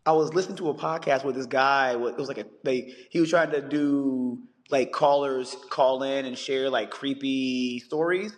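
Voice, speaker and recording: A man who is a science teacher, chatting on a podcast as a guest and telling stories with animated energy. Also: mid-range voice, moderate pace, hardly any pauses, in a large hall. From United States. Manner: animated storyteller, acts out callers in quotes. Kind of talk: casual podcast chat.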